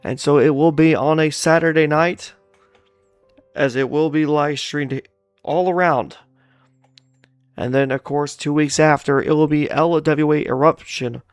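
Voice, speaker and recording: A man's voice: on the high side, steady tone, measured pace, clean tone, no echo, soft background music. A man hosting and commentating a live online wrestling show, hyping upcoming events to the folks watching and chatting with his co-host. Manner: hype announcer tone, addresses folks, chatty with co-host.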